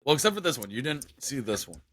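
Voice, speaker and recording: A man's voice: mid-range voice, sing-song, quick pace, fairly bright tone, dry recording. A man co-hosting a podcast, chatting casually with a friend, laughing and swearing freely. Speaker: podcast co-host.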